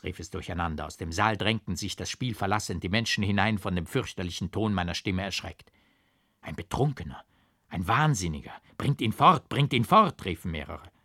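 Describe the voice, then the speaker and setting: A man reading a literary audiobook in a grave, measured way. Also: fairly low pitch, a bit bright, no echo, clean studio sound. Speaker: audiobook reader. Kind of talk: scripted literary narration.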